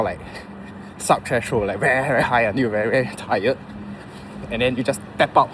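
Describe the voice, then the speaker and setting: A man in his thirties with a Singaporean accent, rambling casually to a vlog audience in a halting, informal way, thinking aloud. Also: medium pitch. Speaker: running vlogger. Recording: clear outdoor traffic and vehicle noise.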